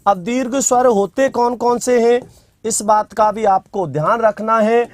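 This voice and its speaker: A teacher lecturing on grammar at an unhurried pace, posing questions to the class and answering them. Notes are dictated phrase by phrase and repeated for copying. The voice is close and dry, with no room sound. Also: mid-range voice, dry recording.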